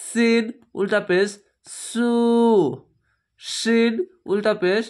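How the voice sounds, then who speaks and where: A man teaching Quran letter pronunciation, spelling out each letter slowly and deliberately in a lesson. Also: high-pitched, steady tone, clear, resonant tone. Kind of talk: slow recitation lesson.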